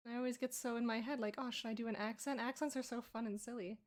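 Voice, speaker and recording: A woman's voice: fairly high pitch, fairly even intonation, quick pace. A woman art streamer chatting casually and playfully while she draws, joking and laughing with her viewers. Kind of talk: casual chat while drawing.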